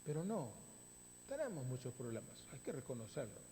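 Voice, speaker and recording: A man preaching a sermon as pastor, stressing words with long dramatic pauses, recorded in a church sanctuary. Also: mid-range voice, very animated, mellow. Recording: reverberant hall, faint hum.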